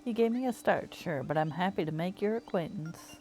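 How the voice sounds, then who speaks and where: A woman voicing a shape-shifting blob creature posing as a human, speaking quickly in a deliberately put-on accent. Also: on the low side, expressive, mellow, slight background noise, natural voice. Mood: curious. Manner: put-on accent, fast and chatty.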